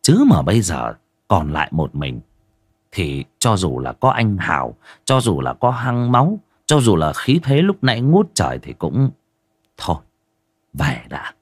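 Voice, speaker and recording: Male horror narrator, low-pitched and husky, dramatic telling, dry sound. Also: a little slow, no echo. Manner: dramatic, expressive storytelling. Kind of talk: horror audio story narration. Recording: dry close recording with faint music.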